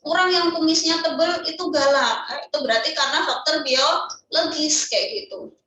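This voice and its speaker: A woman's voice: high voice, moderate pace, sharp tone, very echoey, distant mic, low-quality recording. A woman teacher giving an online class lecture, explaining step by step and answering her own questions.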